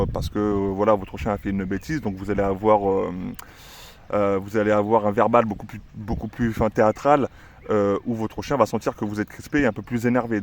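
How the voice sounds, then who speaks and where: Un homme qui explique le dressage de son chien en vlog décontracté, avec beaucoup d'hésitations. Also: male voice, lowish voice, darkish tone. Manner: chatty, many "euh" fillers, gives commands to the dog. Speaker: dog trainer and channel owner. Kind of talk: casual explanatory vlog with a dog.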